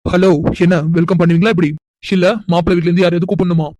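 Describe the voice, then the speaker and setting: A man's voice: sits high, little pitch movement, rapid-fire, warm tone, no echo, close to an everyday voice. A man voicing a mocking young man in a cartoon, teasing and taunting. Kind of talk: cartoon voice acting.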